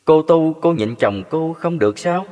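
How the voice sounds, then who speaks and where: A man voicing a revered religious master who gently reproaches a follower. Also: fairly high pitch, expressive, moderate pace, pitched above the performer's own voice, lightly acted. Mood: reproachful. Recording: long hall reverb.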